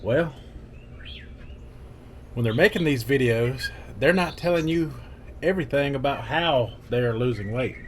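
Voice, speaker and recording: A man's voice: medium pitch, lively intonation, measured pace, long pauses. A man giving his opinion in a casual vlog, emphatic and plain-spoken, with faint noise and birdsong behind him.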